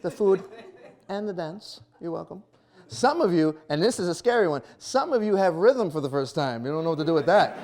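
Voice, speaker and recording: A man in his thirties doing a stand-up comedy set, animated and self-mocking, acting out little scenes. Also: fairly high pitch, fairly quick. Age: 30s. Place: small performance venue before a live audience.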